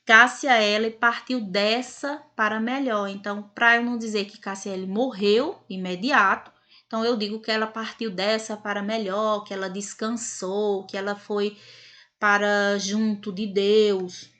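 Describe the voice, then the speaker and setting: Brief: woman teacher, mid-pitched, patient explainer who checks in with "né?". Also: fairly even intonation, unhurried, bright, forceful tone. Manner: explanatory, frequent "né?" tag questions. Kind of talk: recorded grammar lesson.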